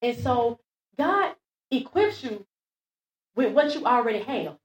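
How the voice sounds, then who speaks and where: A woman speaks to a church congregation, retelling scripture with lively, looping repetition and acting out the quotes. Her voice sits a little high. The room rings with echo. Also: unhurried. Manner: lively, repeats phrases, acts out quotes, laughs at herself. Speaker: church speaker before the pastor. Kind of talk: animated sermon retelling Bible stories. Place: church sanctuary.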